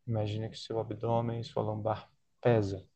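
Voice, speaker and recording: A man with a Brazilian accent leading a guided body-scan relaxation in a soothing, unhurried way, leaving long pauses between short phrases. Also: on the low side, monotone, dark tone, no echo. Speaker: guided meditation leader.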